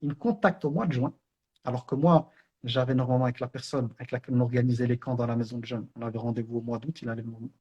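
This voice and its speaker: Fast-talking husky man. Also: medium pitch, mellow. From Belgium, Brussels. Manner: earnest, conversational storytelling with many fillers. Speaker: online Islamic teacher. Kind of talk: personal spiritual reminder.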